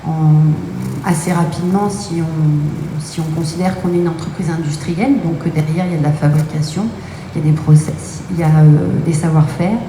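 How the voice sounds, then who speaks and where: A woman from Brittany, France, who co-owns a company, responds to an interviewer at a moderate pace. Her voice is low-pitched and fairly even, her answers explanatory but full of hesitations, recorded in an echoey room with faint noise.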